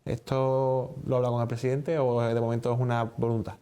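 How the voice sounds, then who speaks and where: Male journalist, soft dark tone, mid pitch, formal but halting and roundabout in questioning. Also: flat delivery, clean tone. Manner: hesitant, halting, circuitous phrasing.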